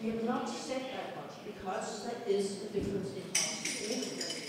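An older woman with a Danish accent speaks earnestly from the audience, pausing and restarting as she goes. Her handheld mic is heard from a distance in a big, echoing hall with a long reverb tail. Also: mid-range voice, heavy background noise. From Denmark. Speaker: audience member at a panel. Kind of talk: speaking from the floor. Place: large conference hall, standing in the audience. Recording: roomy hall picked up from afar.

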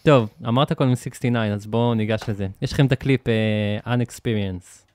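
A man's voice: mid-range voice, darkish tone, no room sound. A man hosting a podcast in casual chat, playful and jokey, often cutting in with questions, recorded in a studio. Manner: playful, jokey, quick to interject. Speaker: podcast host.

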